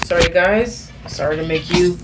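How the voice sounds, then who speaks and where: Against a noisy background, this thirtysomething vlogger tells a personal story at a moderate pace. She speaks in a lowish voice, wandering off track with plenty of fillers and corrections of herself.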